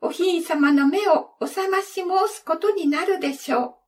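A woman's voice: very high-pitched, measured pace. A woman voicing a young fairy who speaks with earnest, formal reassurance, recorded from a distance. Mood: reassuring. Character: young fairy, gentle but firm. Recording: distant from the mic.

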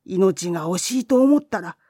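A woman voicing a stingy old Buddhist priest who scolds and shouts at his boy. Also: medium pitch, animated, moderate pace, husky, no echo, clean studio sound. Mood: stern warning.

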